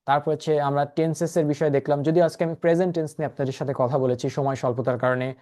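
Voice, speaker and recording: A man's voice: a little high, fairly even intonation, rapid-fire, dark tone. Give me a male instructor teaching over a video call, patient and careful, spelling things out. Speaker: spoken English instructor. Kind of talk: online class teaching.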